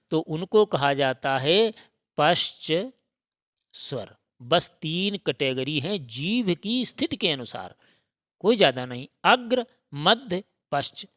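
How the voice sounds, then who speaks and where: A man's voice: a little high, a bit bright, no echo, studio quality. A man teaching a grammar lesson for exam preparation, drilling the sounds by repetition and checking often that students follow. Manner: slow, repetitive drilling, frequent check-ins.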